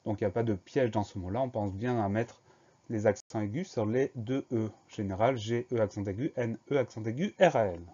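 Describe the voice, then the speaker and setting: A man's voice: on the low side, a little fast, mellow, muffled recording. A man teaching a spelling dictation lesson, patiently spelling each word out letter by letter.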